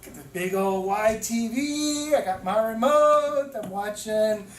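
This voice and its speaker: A man in his fifties tells lively stories as he lectures a class of teachers. His voice carries from a distance in an echoey room. Steady noise hangs behind him. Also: high voice, takes it slowly. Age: 50s. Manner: animated storytelling, repeats words for emphasis. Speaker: teacher trainer. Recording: echoey room from far off, noisy.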